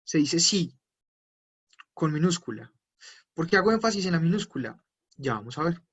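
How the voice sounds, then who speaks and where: A man teaching an online language class, patiently repeating words slowly for his students. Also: a little high, big pitch swings, a bit bright, breathy edge, lo-fi sound. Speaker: German teacher.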